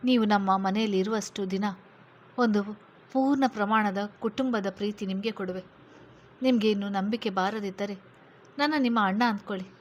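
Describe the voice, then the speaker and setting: A woman voicing a protective male police officer who reassures a frightened witness in a steady, firm way. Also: mid-range voice, normal speed, slight background noise, lightly acted. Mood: reassuring.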